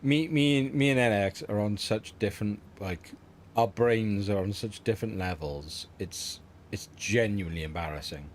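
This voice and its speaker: A man's voice: lowish voice, moderate pace, slight background noise. A middle-aged man hosting a livestream from home, chatting in a rambling, easygoing way and laughing often. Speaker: livestream host. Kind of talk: casual livestream chat.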